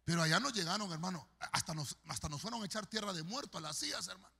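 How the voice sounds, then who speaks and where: A man's voice: high voice, fast talker, creaky, pushed and bright, husky, in a large hall. A man preaching a sermon as pastor, fervent and storytelling, addressing the congregation directly. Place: large church hall.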